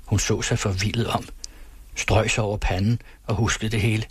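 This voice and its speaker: A man narrating a novel as an audiobook in a measured, steady way. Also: lowish voice, slightly rough, dry recording. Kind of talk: audiobook reading.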